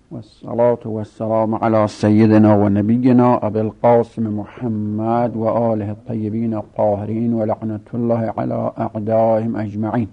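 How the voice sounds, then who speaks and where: A man teaching a seminary grammar lesson, chanting word forms in a slow, drawn-out recitation. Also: lowish voice, gravelly, lo-fi sound.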